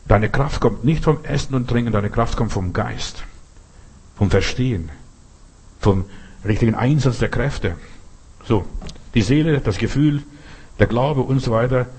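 A man's voice: mid-range voice, darkish tone, husky. A man preaching a sermon in German, which he learned as an adult, with earnest repetition and rhetorical questions. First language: not German.

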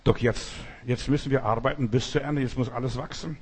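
A man's voice: medium pitch, fairly even intonation, a little fast, husky. A man preaching an emphatic sermon and acting out the quoted voices.

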